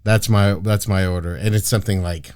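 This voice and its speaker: A man's voice: fairly low pitch, steady tone, a little fast, a little mellow, smooth. A man hosting a casual podcast, brash and profane, rambling with frequent restarts and fillers. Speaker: podcast host.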